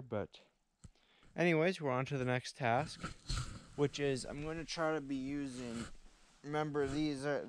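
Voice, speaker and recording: A man's voice: mid-range voice, clear, resonant tone. Easygoing young man vlogging. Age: young adult. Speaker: woodworking channel host. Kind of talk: casual vlog chat. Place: wood workshop, then snowy yard outdoors.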